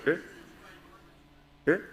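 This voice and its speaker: A man's voice: drawn-out words, highs cut off. A man preaching a sermon at a prayer retreat, asking the congregation questions and acting out quoted voices. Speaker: pastor.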